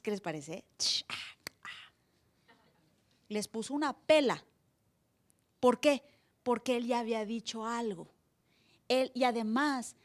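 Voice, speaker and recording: A woman pastor preaching a sermon live in church, acting out voices with sudden loud cries. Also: fairly high pitch.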